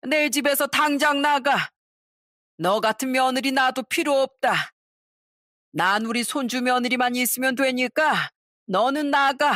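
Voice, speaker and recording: A woman voicing a feisty, sharp-tongued grandmother in her nineties who scolds in slow, commanding words. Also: high-pitched, dry recording, clean studio sound, voice pushed up. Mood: furious.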